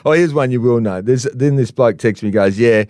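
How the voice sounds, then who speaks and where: A man's voice: mid-range voice, fairly quick, no echo, clean studio sound. A man with an Australian accent, co-hosting a casual radio chat and telling stories with plenty of laughter. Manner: laughing, playful, animated storyteller. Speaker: co-host, TV reporter.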